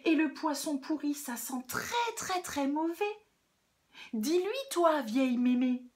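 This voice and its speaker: A woman voicing a rude, bratty little girl in a children's storybook, shouting insults insolently. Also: high voice, lively intonation, slow, voice pushed up.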